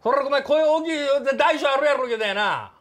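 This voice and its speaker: Guy doing a pushy kansai café customer, really high-pitched voice, keeps threatening the staff. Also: brisk, fairly bright tone. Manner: blustering, threatening, keeps saying "you". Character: loud bullying middle-aged male café customer. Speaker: comedian. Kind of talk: comedy sketch.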